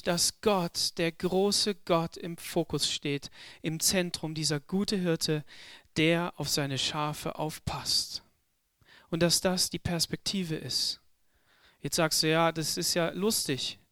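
High, smooth-voiced male preacher, dry sound. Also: steady tone, fairly bright tone, no room sound. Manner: slow, emphatic, repeats words for stress. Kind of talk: sermon.

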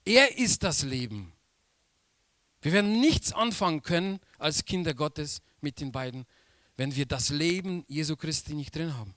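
A man preaching a sermon slowly and emphatically, repeating key phrases for weight. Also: a little high, fairly bright tone, no echo.

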